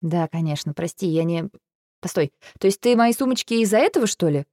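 A woman reading a first-person audiobook, lively and exasperated in her delivery. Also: fairly low pitch, brisk, dry recording, clean studio sound. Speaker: audiobook narrator.

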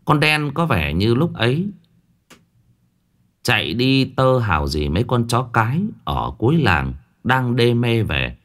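A man narrating a ghost story with dramatic, expressive delivery. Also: medium pitch, measured pace.

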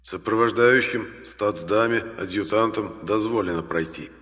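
A man voicing the ghost of a murdered emperor, a slow, rumbling disembodied voice that seems to come from everywhere. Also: a bit bright, big-room sound, close to an everyday voice. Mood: solemn.

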